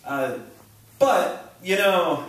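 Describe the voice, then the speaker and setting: A young man doing a halting, rambling stand-up set, full of ums and self-interruptions, on a small theater stage. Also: sits high, lively intonation, heavy background noise. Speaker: stand-up comedian. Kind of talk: open-mic stand-up set. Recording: echoey room recording from a distant camera.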